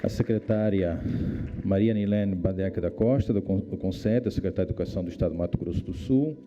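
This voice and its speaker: Man with a Portuguese accent, low voice, moderator, dull recording with music behind. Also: brisk, dark tone. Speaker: debate moderator. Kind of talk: formal moderation.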